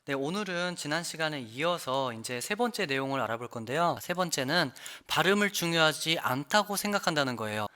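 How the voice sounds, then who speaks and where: A man's voice: on the high side, lively intonation, brisk, hardly any pauses, pushed and bright. A man teaching English pronunciation in an online lesson, explaining each point and demonstrating the sounds by repeating words.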